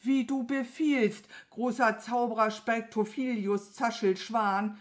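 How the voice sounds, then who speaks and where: A woman's voice: fairly high pitch, steady tone. A woman playing a cheeky lad playing dumb. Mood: feigned-dumb. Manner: drawn-out, feigned confused. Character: cheeky young male puppet hero playing dumb. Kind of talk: children's story read aloud.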